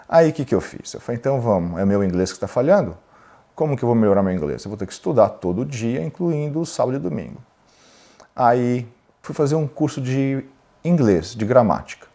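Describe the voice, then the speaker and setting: A middle-aged man from Brazil, a lawyer and entrepreneur, tells his own story frankly in an interview and acts out what other people said to him. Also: mid-range voice. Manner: candid, animated, quotes others in dialogue.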